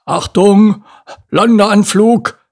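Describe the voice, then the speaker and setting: A big, clumsy albatross who speaks in short, blunt scraps and hardly ever more, as a male storyteller acts him out. The voice is gravelly and husky, dignified but wordless. A gentle comic storybook reading. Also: fairly low pitch, sing-song, takes it slowly, exaggerated voice. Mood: alarmed. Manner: terse, few words.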